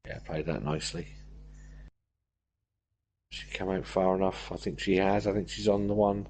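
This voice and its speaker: A man with a fairly low voice commentates live on snooker. He talks through each shot in a conversational, analytical way, as if thinking along with the players. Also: steady tone, moderate pace, darkish tone, slight background noise.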